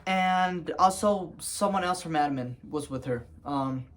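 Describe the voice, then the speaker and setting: A man's voice: fairly high pitch, measured pace. Young man rambling through a storytime. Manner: rambling, lots of fillers and restarts, laughs at himself. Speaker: vlogger telling a story. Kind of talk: casual storytime.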